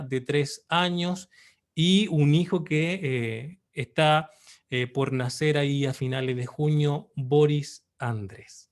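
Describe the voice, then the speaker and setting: With a slightly elevated pitch, the Chilean man in his thirties offers a formal, measured online presentation of his book. Hesitations and pauses separate his phrases, spoken in Chilean Spanish.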